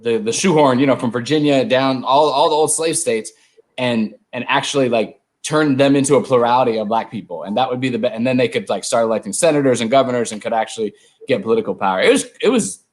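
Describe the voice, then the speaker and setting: A man's voice: mid-range voice, quick pace. A man appearing as a guest in a casual discussion, speaking hesitantly with many restarts.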